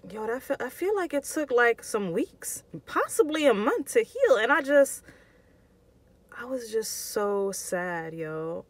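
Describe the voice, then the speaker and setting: A woman vlogger telling a personal story to her viewers in a casual, expressive and slangy way. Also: a little high, slow pace, no echo.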